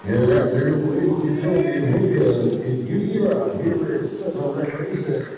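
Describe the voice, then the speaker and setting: Echoey arena announcer calling out the lineups. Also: male voice, a little high, animated, background noise. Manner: drawn-out, announcing names with long emphasis. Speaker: game announcer. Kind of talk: arena public address announcing. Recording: far-off echoey arena PA, music behind.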